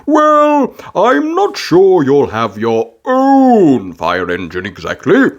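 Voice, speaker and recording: Storybook pig dad, played by a woman: genial, cautious, starting high and sliding down slowly. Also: huge pitch swings, muffled recording, heavily acted. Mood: gently cautioning.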